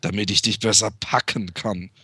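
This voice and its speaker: A man voicing the big bad wolf in a fairy tale he reads aloud, low and sly. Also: steady tone, moderate pace, pushed and bright, slightly rough, dry recording, clean studio sound, full character voice. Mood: menacing.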